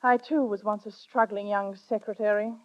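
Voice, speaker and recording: An actress playing a worldly sister who coaxes with conspiratorial glee, in vintage radio drama style, on a dull old broadcast recording. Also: female voice, mid-range voice, steady tone, normal speed, natural voice. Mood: coaxing. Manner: coaxing, playfully conspiratorial. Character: worldly older sister, scheming matchmaker. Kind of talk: 1930s radio drama acting.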